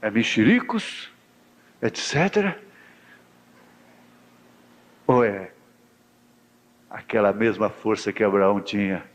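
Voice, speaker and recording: A male pastor preaching a sermon, swinging between soft low talk and high fervent cries, with a Brazilian Portuguese accent, recorded in a church. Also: very animated, takes it slowly, pauses often. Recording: echoey church hall recording.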